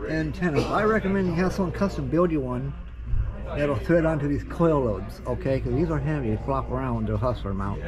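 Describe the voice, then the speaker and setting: Speaking fairly quickly at a medium pitch, an American man tours radio equipment in a crowded radio shop, offering informal, opinionated buying advice on the fly. Store chatter and other voices muffle the recording.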